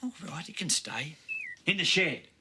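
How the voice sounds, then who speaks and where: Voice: mid-range voice, lively intonation, normal speed, natural voice. An actor playing a weary, firm family dad in a children's television drama. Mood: exasperated, firm. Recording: noisy location sound with clicks.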